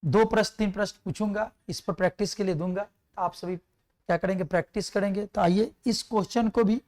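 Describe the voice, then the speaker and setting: A man's voice: sits high, fairly quick, a little mellow. Methodical male math teacher. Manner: explains step by step, asks and answers his own questions; recites numbers and multiplication tables aloud. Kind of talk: exam-prep math lesson.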